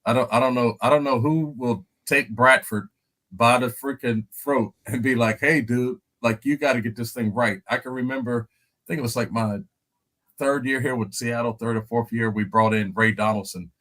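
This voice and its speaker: A man's voice: medium pitch, steady tone, normal speed, fairly bright tone. An older man, a former lineman, talking casually and with animation, repeating himself and asking "you know what I'm saying". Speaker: guest analyst, former NFL lineman. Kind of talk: casual podcast commentary.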